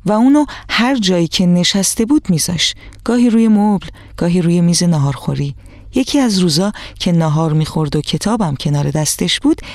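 A woman's voice: on the low side, dry recording. Woman narrating a children's story. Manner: warm direct address to children. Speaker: radio storyteller.

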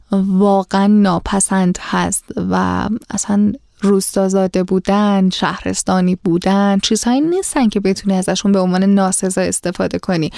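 A woman storyteller reading a classical tale aloud in a steady, formal way, stepping out now and then for casual asides. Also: mid-range voice, vocal fry, dry recording, studio quality. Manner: steady, formal reading; chatty when commenting.

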